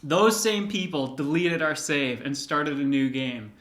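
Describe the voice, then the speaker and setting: A man in his thirties, a vlogger casually telling personal stories to the camera in a relaxed, reminiscing way with light filler words. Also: on the high side, a little slow. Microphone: camera held by another person. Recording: roomy echoey room sound.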